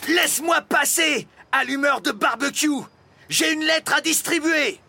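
A man's voice: a little high, lively intonation, moderate pace, gravelly, husky, pitched above the performer's own voice, full character voice. A man voicing a brash, determined adult male postman in a storybook reading. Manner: brash, shouting.

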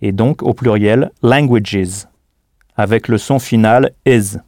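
A man's voice: on the low side, fairly even intonation, moderate pace, warm tone, no room sound, studio quality. A man teaching a scripted audio language lesson, patient and didactic, prompting the listener to answer.

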